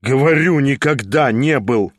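A man reading an audiobook, voicing a cold, proud nobleman who speaks in a measured, restrained way. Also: mid-range voice, dry recording, clean studio sound, lightly acted. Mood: grim.

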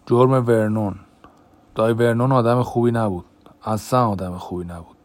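A man voicing a brooding adult man who bluntly reveals a dark family secret, in a tense, raised voice, in an audiobook. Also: lowish voice, steady tone, no echo, natural voice.

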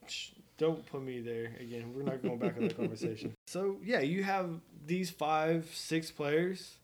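Man, fairly high voice, from Oklahoma, podcast co-host, rambling, joking, casual golf chat. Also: moderate pace. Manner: joking, rambling, self-mocking.

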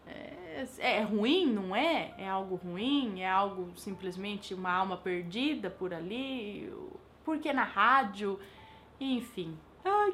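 A woman's voice: high-pitched, fairly bright tone. A woman with a Brazilian Portuguese accent, hosting a channel and telling a viewer's paranormal story in a chatty, casual way, musing aloud with rhetorical questions.

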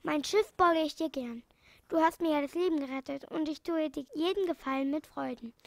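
A friendly old sailor from a children's storybook, obliging and good-natured, as a woman reads him. The voice is high with a gravelly texture, close and dry. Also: fairly quick, no echo.

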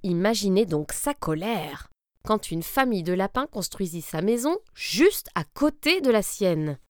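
A woman reading a children's picture book aloud, slow and deliberate. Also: medium pitch, sing-song, no echo, studio quality. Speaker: storyteller.

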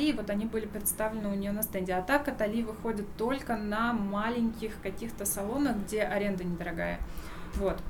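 On a podcast, a woman who runs a shop and does embroidery tells stories in a medium-pitched voice, laughing frequently in a lively, casual way. The background is noisy.

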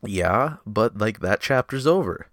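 Young guy hosting a podcast, super low voice, jokey and worked up, cusses a lot. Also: unhurried, no room sound, clean studio sound. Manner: excitable, joking, swears freely. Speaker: podcast host. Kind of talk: casual argumentative chat.

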